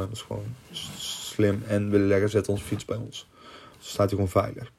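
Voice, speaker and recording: A man's voice: lowish voice, vocal fry, darkish tone, breathy edge. A young man hosting a podcast, telling personal stories casually, rambling and restarting sentences, with casual swearing. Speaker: podcast host.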